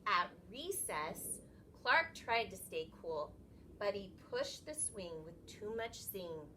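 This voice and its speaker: A woman reading a children's story aloud in an expressive, teacherly way, pausing to put questions to her listeners. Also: medium pitch, a little hiss or hum.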